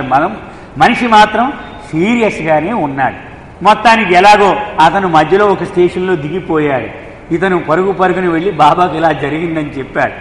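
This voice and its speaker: A man telling devotional stories in an animated, lively way as a spiritual storyteller, recorded in an echoey hall. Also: on the high side, a little hiss or hum. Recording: echoey hall with long reverb, faint ambience.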